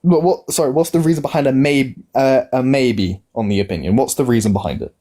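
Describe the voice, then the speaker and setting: A man's voice: mid-range voice, a little fast, mellow. A young man in his early twenties in a casual live-stream debate, pressing the same question over and over with stumbling restarts. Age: young adult. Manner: insistent, repetitive, stumbling restarts. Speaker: livestream guest.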